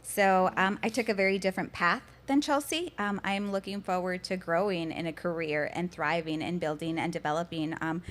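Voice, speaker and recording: An earnest woman in her thirties speaks as a podcast panel guest in a fairly low voice. She talks steadily and sincerely, often pausing with a thoughtful "um". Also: a bit bright. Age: 30s. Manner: earnest, many "um"s. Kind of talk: casual panel talk.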